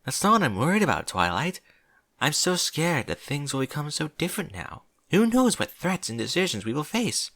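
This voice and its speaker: A man voicing a regal, earnest female pony princess in a formal, measured, gentle way for a story reading. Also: on the high side, big pitch swings, no echo, voice pushed up, heavily acted. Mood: worried.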